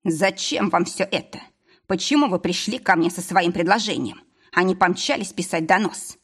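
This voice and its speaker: A woman's voice: on the low side, moderate pace, slightly rough. A woman voicing a proud, bitter male healer who hisses his words through clenched teeth, in an audiobook. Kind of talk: audiobook character voice.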